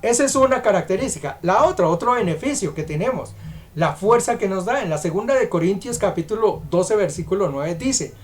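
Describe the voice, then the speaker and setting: A man's voice: high-pitched, lively intonation, a little fast. A man preaching a sermon, emphatic and questioning, putting rhetorical questions to the congregation.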